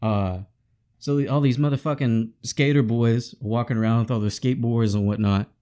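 A man's voice: mid-range voice, fairly even intonation, moderate pace, warm tone. A frustrated man ranting with heavy profanity to his audience in a casual vlog. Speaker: vlogger. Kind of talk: profane angry rant.

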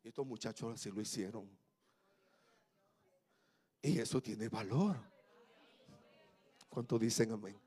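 A male pastor preaching a sermon, swinging from loud exhortation to hushed, tender tones. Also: lowish voice, a little slow, long pauses, slightly rough.

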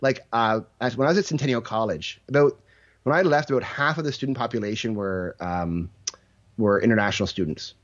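Speaking a little fast in a medium-pitched voice, a leadership mentor chats casually as an interview guest. He shares stories and performs snippets of dialogue, and the recording's high frequencies are cut off.

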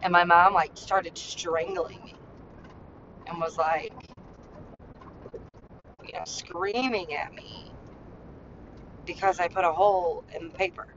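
Woman host, unscripted confessional monologue, rambling and blunt with casual swearing, muffled lo-fi sound with a faint engine rumble underneath. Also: fairly even intonation, slow pace, pauses often. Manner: rambling, heavy use of "like" and "you know". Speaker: podcast host. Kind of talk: candid personal monologue.

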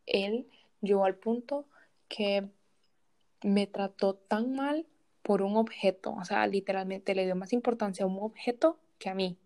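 A woman's voice: mid-range voice, a little slow. Young woman telling a breakup story. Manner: animated, retells conversations, frequent "o sea". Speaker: guest. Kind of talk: casual personal storytelling.

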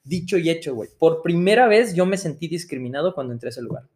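A man's voice: fairly high pitch, fast. A man with a Mexican accent co-hosting a podcast, chatting casually and telling stories with lots of slang. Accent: Mexican Spanish. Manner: slangy, animated storyteller. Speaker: podcast co-host. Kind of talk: casual travel chat.

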